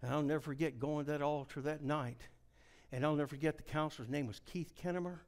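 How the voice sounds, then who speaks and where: A middle-aged man preaching a revival sermon, telling folksy stories and swinging from hushed near-whispers to shouted climaxes. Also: a little high, steady tone, fast talker.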